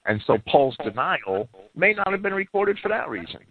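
This radio program speaker sounds high-pitched, with big swings in pitch, vocal fry, and a moderate pace. He responds to critics in a long, lecture-like explanation full of cited sources, restarting often and repeating words. The sound is tinny, like a phone line on the radio.

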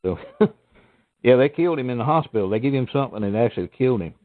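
A middle-aged or older man with a deep Southern American accent, chatting casually and folksily as a phone-in caller. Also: expressive, fast talker, dry recording. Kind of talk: casual chat. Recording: tinny phone-like line.

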